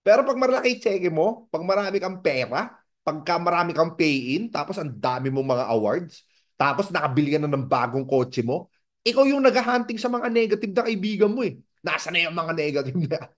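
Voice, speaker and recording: A man from the Philippines giving a motivational seminar talk as a business mentor, animated and asking the audience rhetorical questions. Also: high-pitched, a little fast. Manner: animated, acts out dialogues in raised voices.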